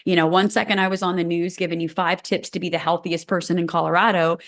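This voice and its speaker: A woman with a slightly low-pitched voice tells her story as a doctor guest in an interview. She talks fast and emphatically, with lots of energy. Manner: animated, quick, emphatic. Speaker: guest functional medicine doctor.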